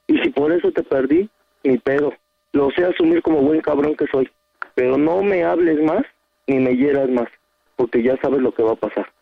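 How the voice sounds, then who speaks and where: A man's voice: on the high side, moderate pace, vocal fry, no echo. A man with a Mexican accent arguing heatedly on a phone call, curt, angry and swearing, threatening to leave. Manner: foul-mouthed. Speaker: prank call victim on a radio show.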